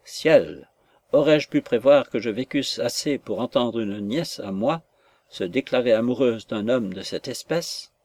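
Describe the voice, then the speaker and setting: A proud, stern older aunt, voiced by a male reader, lays down the law in an audiobook. Her delivery is imperious and scolding, that of a matron quick to fury, read in a medium-pitched voice. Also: expressive, a little mellow, dry recording. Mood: furious.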